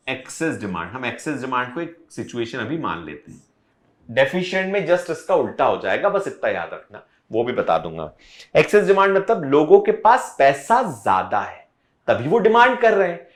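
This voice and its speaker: A male economics teacher giving an online exam-prep lecture, explaining step by step and switching between Hindi and English mid-sentence. He talks straight to his students and repeats key points to make them stick. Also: on the high side.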